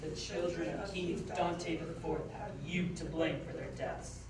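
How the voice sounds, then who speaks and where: Man acting a slow, solemn accusing councillor. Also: a little high, fairly even intonation, natural voice. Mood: solemn accusation. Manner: solemn, declamatory. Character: stern, accusing religious council member condemning a traitor. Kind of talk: theatrical stage acting. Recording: very echoey theatre, distant, loud crowd.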